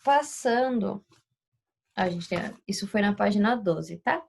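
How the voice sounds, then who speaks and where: A woman's voice: mid-range voice, lively intonation, a little slow, vocal fry, slight background noise. A woman teaching Spanish in a recorded class lesson, explaining patiently and checking often that the students follow along. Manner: explains patiently, checks understanding with tag questions.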